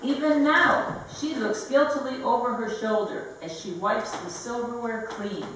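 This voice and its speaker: A woman poet giving a live poetry reading, speaking slowly and deliberately, with light laughs between lines. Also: a little high, recorded from a distance. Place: gallery event room. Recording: very echoey room, voice heard from afar with faint background hiss.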